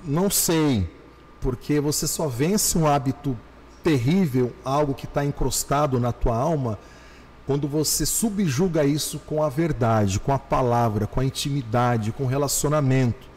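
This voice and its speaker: A male pastor telling his conversion story on a podcast, animated, slowing down and repeating phrases for emphasis. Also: medium pitch, long reverb tail, a little hiss or hum. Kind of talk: podcast testimony.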